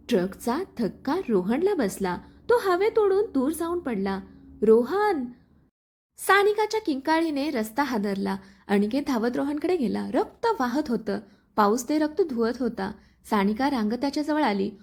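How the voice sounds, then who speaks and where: High, lively woman storyteller. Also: moderate pace, slightly rough. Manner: dramatic, expressive. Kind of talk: dramatic storybook narration.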